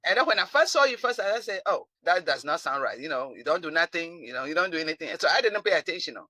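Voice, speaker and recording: A woman in her seventies with a Ghanaian accent gives a client testimonial, answering interview questions over a video call. She's animated and quick to repeat and restart her words, speaking in a lowish voice with no room sound.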